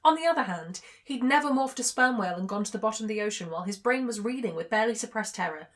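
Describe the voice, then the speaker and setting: A woman talking through a book in a casual vlog. Her voice sits a little high, and she chats with light jokes. She reads passages aloud along the way. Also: animated, quick pace, a bit bright. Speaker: book reviewer.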